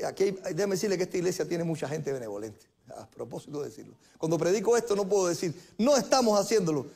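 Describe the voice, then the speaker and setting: A middle-aged male pastor preaching a sermon in a church, earnest, repeating phrases and slowing down to stress his points. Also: high-pitched, gravelly, warm tone. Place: church sanctuary.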